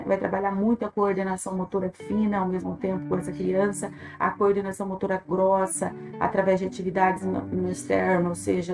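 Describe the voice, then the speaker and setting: A woman teacher, explaining her teaching material in an earnest, emphatic way. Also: medium pitch. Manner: earnest, emphatic, voice swells on key points. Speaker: teacher and workbook creator. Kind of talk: explanatory talk to viewers.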